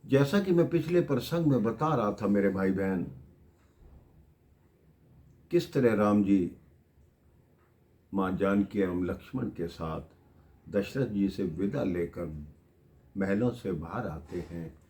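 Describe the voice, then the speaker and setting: Slow, emotive male devotional storyteller. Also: fairly low pitch, expressive, dark tone. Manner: emotive, swells and drops in volume.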